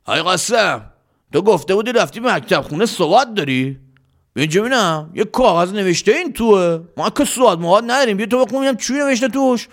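A man's voice: high-pitched, animated. A man voicing a bossy bandit leader who barks orders and scolds impatiently. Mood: commanding.

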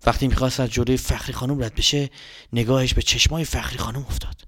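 A man's voice: medium pitch, steady tone, fairly bright tone. A man narrating a children's story, speaking directly to young listeners.

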